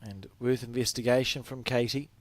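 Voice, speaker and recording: Male sports commentator, New Zealand accent, mid pitch, relaxed banter. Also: moderate pace, no room sound. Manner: chatty, light-hearted banter.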